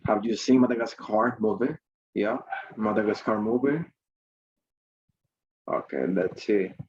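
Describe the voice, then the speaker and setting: Male teacher, slow pace, husky tone, repeats and prompts with questions, dull video-call sound. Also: on the low side. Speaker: English teacher. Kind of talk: online class lesson.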